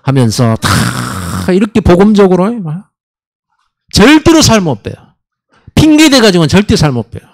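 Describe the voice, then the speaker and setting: Male pastor, church sermon, high voice with wide swings, emphatic delivery that acts out quoted voices. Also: huge pitch swings, moderate pace, gravelly. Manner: emphatic preaching with sudden pitch swings. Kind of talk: Sunday sermon. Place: church sanctuary.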